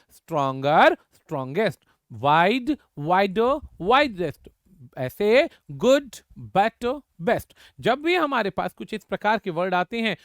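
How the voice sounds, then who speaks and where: A man's voice: high-pitched, fairly bright tone, dry recording, clean studio sound. A man teaching an exam-prep grammar lesson, drilling word forms and speaking to students as children. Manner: addresses students as "बच्चा", repeats words for drilling.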